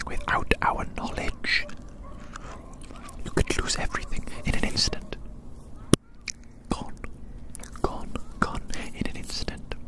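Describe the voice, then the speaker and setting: In this roleplay monologue, the ASMR performer muses slowly and deliberately, repeating phrases in a soft, breathy, unvoiced whisper.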